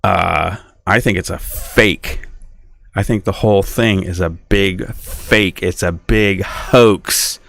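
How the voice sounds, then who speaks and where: A man's voice: low voice, fairly even intonation, slow, gravelly, a bit bright, no room sound, studio quality. A man hosting a podcast, talking in a rambling, indignant monologue and acting out imagined back-and-forth dialogues. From United States. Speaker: podcast host. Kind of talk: casual monologue.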